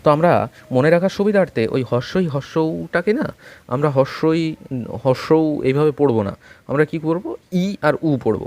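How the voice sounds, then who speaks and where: A man's voice: medium pitch, a little mellow, no room sound. Patient male Bengali teacher drilling vowels. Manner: slow, patient, repeating sounds for learners to copy. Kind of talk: online phonetics lesson. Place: home during a storm.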